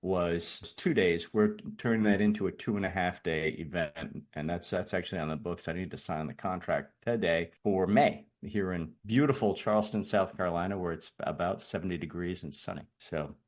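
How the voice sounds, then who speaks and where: A man's voice: deep voice, normal speed, few pauses. A congested man with a rattly chest-cold voice hosts a casual online meeting, jokey and rambling. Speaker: host of an online community meeting.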